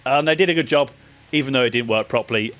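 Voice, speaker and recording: Man, festival vlogger, casual review, chatty, middle-pitched voice. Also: fast talker, a bit bright, faint music behind. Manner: chatty, loose, with frequent ums and uhs.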